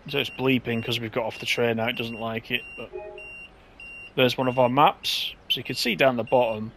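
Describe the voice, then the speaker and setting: Man, relaxed gameplay commentary, chatty and easygoing, middle pitch, faint hum behind. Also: moderate pace. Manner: chatty, easygoing, thinks aloud with fillers.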